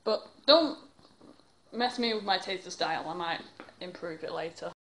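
A young woman from England vlogs casually into a phone camera at arm's length, rambling with lots of fillers. She's in her bedroom, then elsewhere indoors at home. She speaks at a normal speed in a lowish voice, with slight background noise.

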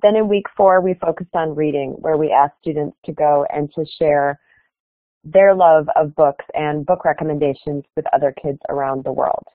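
Over a tinny, phone-like call line, a Chicago-area woman presents a webinar keynote at normal speed. Her voice is low and echo-free, and she explains earnestly, with fillers.

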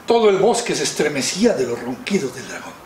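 A man telling a fairy tale to children, speaking to them directly in a lively way. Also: a little high, fast. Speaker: storyteller. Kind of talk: children's storytelling. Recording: roomy, distant mic, faint noise.

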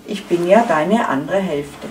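A woman voicing a calm, contented egg yolk who gently calms its partner, read in a roomy space from a distance. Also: lowish voice, unhurried, a little hiss or hum, close to an everyday voice. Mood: soothing. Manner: soothing, placid. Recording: echoey room, far from the mic.

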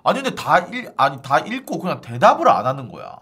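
A man's voice: fairly high pitch, wildly swooping pitch, fairly quick, bright, forceful tone. A male streamer ranting to his viewers in casual live-stream chat, exasperated and starting lines over and over. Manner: exasperated, ranting, repeats "아니" constantly.

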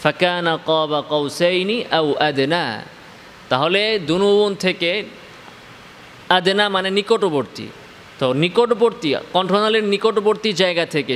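Slow, deliberate Bangladeshi Quran teacher. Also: male voice, sits high, a bit bright, long reverb tail, a little hiss or hum. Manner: asks the listeners questions and answers them himself; draws out letter sounds slowly. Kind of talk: slow spoken lesson on Arabic letter pronunciation.

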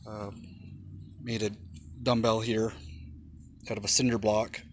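A man's voice: on the low side, level tone, a little slow, a little hiss or hum. A man casually showing off his homemade backyard gym equipment, talking in a rambling way with many fillers and an occasional curse, filmed on a handheld phone outdoors. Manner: rambling, swears when straining, many fillers. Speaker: vlogger. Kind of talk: casual show-and-tell. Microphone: handheld phone camera.

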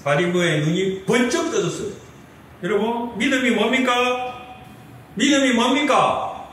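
Pastor, man, high animated voice, preaching and quizzing the congregation, echoey church hall, mic at a distance. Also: measured pace, a little hiss or hum. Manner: lively preaching with rhetorical questions to the congregation. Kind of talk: sermon. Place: church sanctuary.

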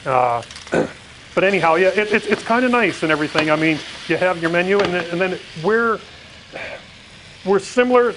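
A man's voice: high-pitched, lively intonation, normal speed, background noise. A middle-aged man who owns a restaurant, talking as a guest on a TV cooking segment. He rambles, with many fillers and repeated words. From Pennsylvania. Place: studio kitchen set, indoors. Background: faint sizzling of frying food.

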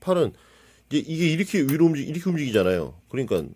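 A man casually narrating as he assembles and shows off a plastic model kit, excitable and prone to exclaiming and muttering to himself while he handles the parts. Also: fairly high pitch, fast, breathy edge. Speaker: model kit builder reviewing his build. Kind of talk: casual hands-on hobby narration.

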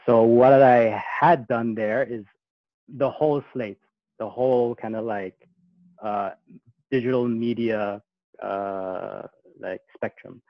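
A guest speaker born in Austria takes it slowly in a casual video-call talk, with long pauses, vocal fry, and many fillers and restarts. His medium-pitched voice has fairly even intonation, and the audio is muffled and dry.

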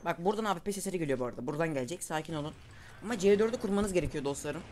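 A young man giving casual, excitable commentary over his own gameplay, calling out moves to his viewers. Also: on the high side, rapid-fire. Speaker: gaming YouTuber. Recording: faint game noise and gunfire behind.

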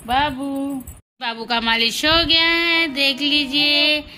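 A woman's voice: high-pitched, steady tone, slow pace, sharp tone, soft background music, rough recording. A woman filming a casual home vlog of her baby, narrating to viewers and cooing in playful baby talk.

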